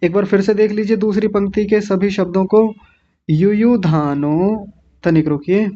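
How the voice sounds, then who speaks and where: A male teacher leading an online recitation class, patiently drilling each word slowly, syllable by syllable. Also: high voice, steady tone, mellow, muffled recording.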